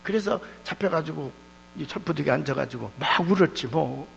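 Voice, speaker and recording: A man preaching at a revival meeting, telling his story with animated swings and sudden outbursts in a church hall. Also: on the high side, moderate pace, vocal fry, breathy edge. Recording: dull echoey hall with hum.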